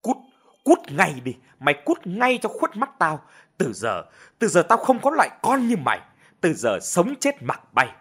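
A man voicing a furious, harsh old father throwing his daughter out, shouting in a storybook reading. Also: high voice, wildly swooping pitch, fast, few pauses, slightly rough, pitched above the performer's own voice, full character voice. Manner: shouting, raging.

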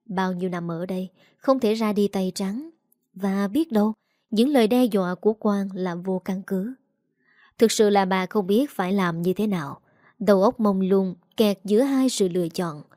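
A woman narrating a dramatic family story with steady storytelling and dramatic emphasis. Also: mid-range voice, dry recording, studio quality.

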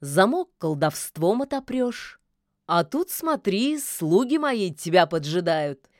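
A woman's voice: lowish voice, very animated, takes it slowly, no echo. Storybook villain: a bored, temperamental male immortal sorcerer who growls commands, read by a woman, dry audiobook sound. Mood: cool, mocking. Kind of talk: audiobook character voice.

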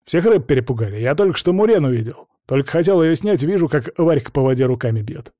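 A man voicing an irritated husband who shouts and mocks his wife. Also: on the high side, animated, fast, no room sound, clean studio sound, close to an everyday voice. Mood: angry shouting. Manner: shouting, sneering.

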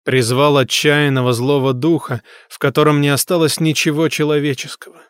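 A man's voice: fairly high pitch, level tone, fairly quick, smooth, dry recording, studio quality. A man narrating a novel in a tense, grave manner. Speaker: audiobook narrator. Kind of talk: scripted narration of a horror novel.

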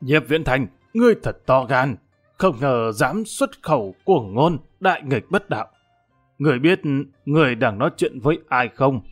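A man voicing a hot-tempered imperial guard commander in an audiobook, loud, indignant and scolding. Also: fairly high pitch, expressive, a little fast, hardly any pauses, slightly rough, soft background music. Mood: furious. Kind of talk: audiobook character acting.

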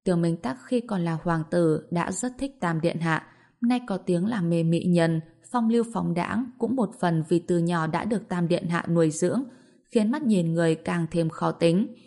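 A woman narrating a fantasy novel aloud in an even, storytelling manner. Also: lowish voice, moderate pace. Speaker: audiobook narrator.

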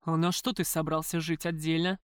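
Brief: woman narrator doing a gruff, bossy middle-aged father for an audiobook; scolding, contemptuous, commanding, in a close dry read. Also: deep voice, little pitch movement, a little fast, no echo, voice pushed down, natural voice. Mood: mocking, bossy.

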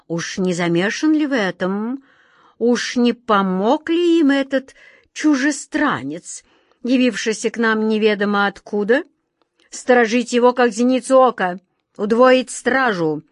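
A pompous, fretful old king from a fairy tale barks out orders, voiced by a woman reading the story. He speaks slowly and loudly in a raised, strained pitch. Dry, close sound. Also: expressive, no room sound. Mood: imperious. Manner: imperious, whiny, easily flustered. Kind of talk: storybook character voice.

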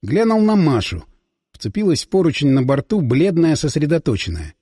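A man reading first-person audiobook narration with lively storytelling delivery. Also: fairly high pitch, moderate pace, breathy edge, no room sound, clean studio sound, in a large hall.

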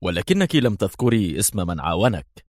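Man doing an unhurried spy chief; deep, husky, dry. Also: no echo. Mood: calm. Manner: calm, wry. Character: calm, knowing male intelligence chief.

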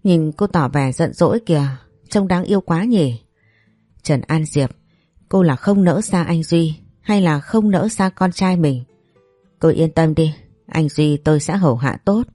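A woman's voice: unhurried, warm tone, dry recording, clean studio sound, soft background music. A woman voicing a sly, spiteful rival woman. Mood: mocking. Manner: sly and taunting, then shrill and whining.

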